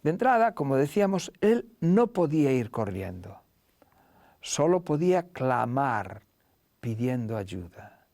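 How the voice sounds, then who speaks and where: A man preaching a sermon, slow and deliberate, sinking into a near whisper on key lines. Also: mid-range voice, very animated, vocal fry, a little mellow, no echo, clean studio sound.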